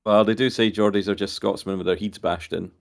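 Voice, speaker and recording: A man's voice: fairly low pitch, steady tone, a little fast, gravelly. A man, a team captain, chatting casually on a stream, rambling with many repeated words and hesitations.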